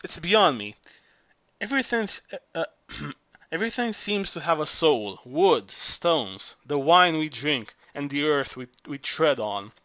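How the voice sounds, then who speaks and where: A man's voice: on the high side, big pitch swings, unhurried, pushed and bright, no echo, full character voice. A man reading the part of an earthy, exuberant old Greek workman who talks in an expansive, lusty way. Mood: musing.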